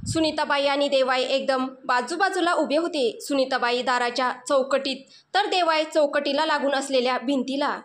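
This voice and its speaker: A woman narrating a romantic story in an emotional, expressive way. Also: high voice, normal speed, a little hiss or hum.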